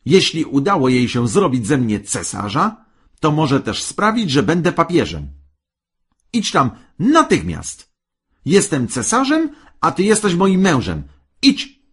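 A man voicing a domineering, greedy wife in a spoken fairy tale, with a shrill, imperious, commanding delivery. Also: huge pitch swings, slow, breathy edge, exaggerated voice. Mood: demanding. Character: domineering greedy wife demanding ever more.

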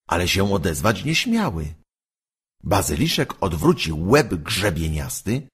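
A man narrating a storybook in a slow, expressive way. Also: low voice, breathy edge. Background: faint music.

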